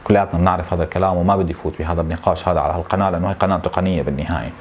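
A man in his thirties with a Syrian Arabic accent, venting to camera in a frustrated, complaining way, with halting repetitions. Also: deep voice, fairly even intonation, darkish tone, slight background noise. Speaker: tech YouTuber. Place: small home office, indoors.

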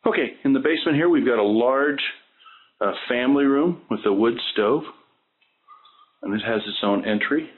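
A man's voice: medium pitch, moderate pace, breathy edge. A man giving a walkthrough tour of a house and its grounds as a real estate agent, talking unhurriedly and plainly with many fillers. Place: walking through a house and its grounds. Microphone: handheld camera mic. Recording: thin phone-like sound with faint noise.

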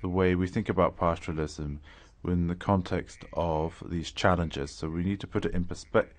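A man giving simultaneous interpretation into English at a policy briefing, speaking in a measured way with frequent hesitations and restarts. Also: sits low, steady tone. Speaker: conference interpreter.

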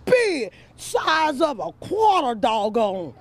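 A man excitedly telling an animated eyewitness story. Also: very high-pitched, takes it slowly. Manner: excited, exclamatory. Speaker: eyewitness in a news report.

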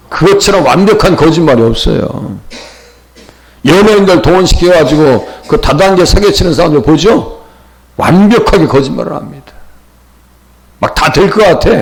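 A middle-aged pastor from Chungcheong preaches in a lively voice that climbs and falls widely. His slight Chungcheong accent colors a chatty sermon full of questions to the congregation, with a gravelly edge to his somewhat high voice. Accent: Chungcheong Korean. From Chungcheong, Korea. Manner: conversational preaching with rhetorical questions.

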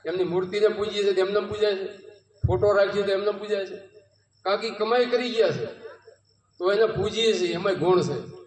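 A brisk, high-voiced man with a Gujarati accent gives a devotional satsang sermon at a home courtyard gathering. Storytelling through parables, he asks rhetorical questions and recites devotional verses, recorded from a distance in a roomy space with long reverb.

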